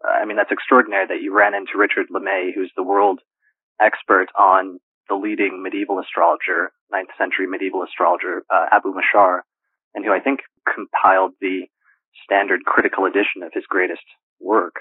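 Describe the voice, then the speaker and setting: A man hosting an interview, asking steady questions that sum up what the guest has said. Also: sits low, brisk, no echo. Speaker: podcast host. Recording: dry phone-line sound.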